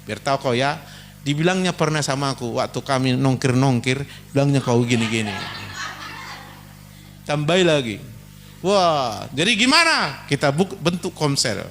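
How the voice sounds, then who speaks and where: A male pastor, preaching a sermon in a lively, joking way and acting out everyday quarrels. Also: mid-range voice, moderate pace, soft background music.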